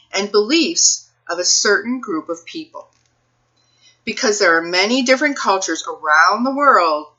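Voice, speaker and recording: At children's storytime, a woman reads from a picture book, choosing her words with care and asking the young audience questions. Her medium-pitched voice is bright and forceful, though the audio itself is dull.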